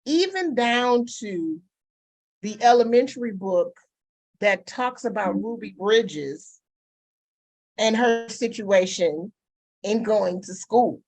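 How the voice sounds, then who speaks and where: A woman's voice: mid-range voice, lively intonation, takes it slowly, pauses often, darkish tone, dry recording, poor audio. A woman speaking on a discussion panel, making an impassioned argument and building her points with examples.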